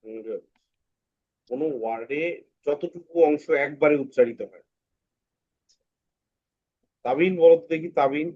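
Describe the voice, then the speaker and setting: A man leads an English lesson, slow and patient, repeating each point and putting questions to his students. His voice sits a little high, and the audio is muffled and lo-fi, like an online class. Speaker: English teacher.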